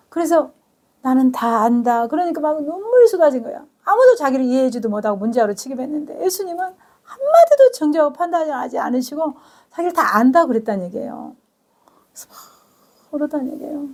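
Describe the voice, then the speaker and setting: A woman pastor preaching a sermon with emotional storytelling, who reads English Bible verses slowly and explains them in Korean. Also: high-pitched, very animated, darkish tone. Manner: emotional, storytelling delivery with gasps.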